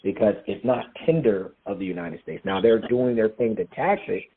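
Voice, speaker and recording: A man with a lower voice walks listeners through a process on a call. He is emphatic and poses questions only to answer them himself. The sound is narrow and tinny, like a phone line. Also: lively intonation, normal speed, husky. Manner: emphatic, answers his own rhetorical questions. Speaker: guest speaker explaining crypto. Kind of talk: explanatory call talk.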